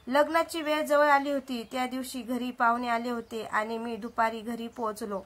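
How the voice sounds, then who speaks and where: High-voiced woman storyteller. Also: fairly even intonation, normal speed, a bit bright. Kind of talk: dramatic story narration.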